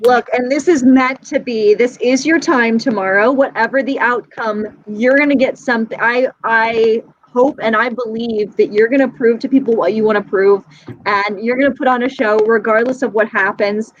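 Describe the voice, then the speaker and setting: A woman with a high voice hosts a casual interview in an encouraging manner. Her audio is somewhat dull and lo-fi, with faint noise behind it. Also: moderate pace. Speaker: interview panel host.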